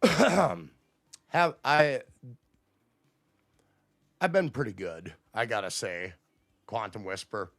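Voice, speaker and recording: A man's voice: on the low side, big pitch swings, slow pace, creaky, pauses often, a bit bright, dry recording. A man hosting a livestream, ranting at his chat in a profane, combative way. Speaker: livestream host. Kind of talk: casual livestream rant to chat.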